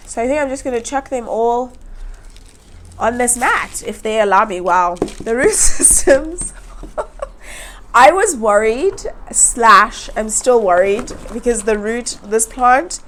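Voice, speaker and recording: A young woman hosting a plant channel, chatting casually while repotting, her voice nasal from hay fever, often giggling and rambling. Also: a little high. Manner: giggly, rambling, chuckles to herself.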